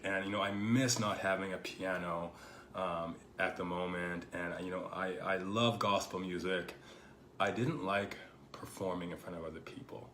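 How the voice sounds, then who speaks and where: Hosting his own podcast, a man whose lowish voice is slightly hoarse from a lingering cold, yet a bit bright, works through his ideas in a casual, reflective ramble. He often pauses on "you know," and his delivery feels personal, not polished. The roomy, echoey space carries a faint hiss.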